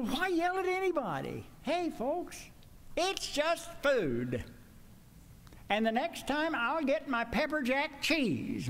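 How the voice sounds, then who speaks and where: An older man preaching a folksy, conversational sermon in a church sanctuary, his voice climbing when he presses a point. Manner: folksy, conversational, pitch swings up when emphatic. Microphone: stand mic at pulpit.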